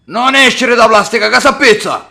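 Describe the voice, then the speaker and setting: An older man with a gruff, confrontational manner and a Sicilian accent, arguing in dialect in an echoey room. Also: very high voice, moderate pace, bright, forceful tone. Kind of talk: heated family argument in dialect.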